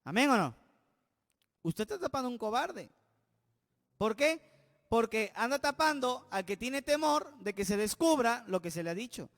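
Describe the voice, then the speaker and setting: A pastor preaching an emphatic sermon, often putting questions to the congregation. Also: male voice, very high-pitched, big pitch swings, moderate pace, pauses often. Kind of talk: expository sermon. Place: church. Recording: long church-hall reverb.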